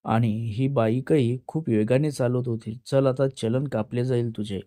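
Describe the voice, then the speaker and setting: A man voicing an arrogant, bullying male police inspector who mocks and shouts threats in a storytelling reading. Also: medium pitch, fairly even intonation, measured pace, no room sound, clean studio sound, lightly acted. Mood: mocking. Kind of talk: Marathi story narration.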